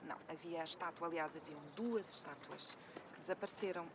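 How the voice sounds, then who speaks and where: A woman's voice: sits low, a little fast, noisy background. An actress playing a patient, formally polite history professor from Portugal, explaining things to her daughter outdoors. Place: outdoors at an ancient site.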